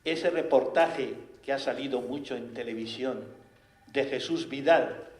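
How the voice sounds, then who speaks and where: A man with a Spanish accent preaching a sermon, animated and full of rhetorical questions. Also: medium pitch, measured pace. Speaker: priest. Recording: echoey room.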